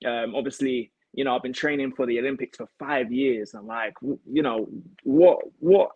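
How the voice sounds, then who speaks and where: A young British man, an elite martial arts athlete, tells his own story casually as an interview guest over a video call from his home kitchen. His medium-pitched voice has a breathy edge and a moderate pace. The device mic gives a dry, dull sound.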